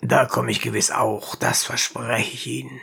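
A woman voicing a short, fat, jovial male town councillor who flatters a guest, in a low husky voice. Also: normal speed, heavily acted. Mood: jovial fawning.

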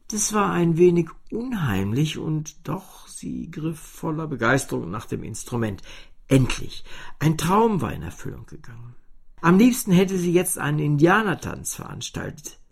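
A man reading a children's story aloud, slow, lively and expressive, sometimes dropping to a whisper. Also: fairly high pitch, creaky, slightly rough.

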